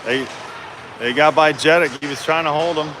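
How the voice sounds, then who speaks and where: A man's voice: a little high, fairly even intonation, normal speed. A man doing casual, colloquial live play-by-play hockey commentary, his voice echoing in a noisy indoor rink. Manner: informal, colloquial, chatty with exclamations. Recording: echoey noisy rink, ambient clatter. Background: clear rink noise and ambience.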